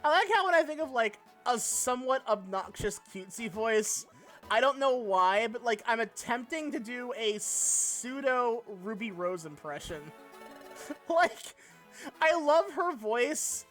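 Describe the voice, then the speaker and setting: A woman's voice: on the high side, lively intonation, unhurried, a bit bright, soft background music. A woman streaming a game live, chatting casually in a giggly, rambling way and swearing freely.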